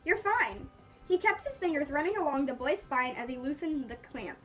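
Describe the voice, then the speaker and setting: A woman's voice: high-pitched, expressive, a little fast, fairly bright tone, far from the mic, soft background music, rough recording. A woman reading fan fiction aloud as a live reaction, stumbling on words and breaking off to joke.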